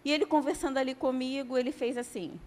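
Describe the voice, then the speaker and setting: A woman's voice: high voice, fairly even intonation, quick pace, a little mellow. A woman giving a church testimony as a sermon, telling her story dramatically and acting out the dialogue.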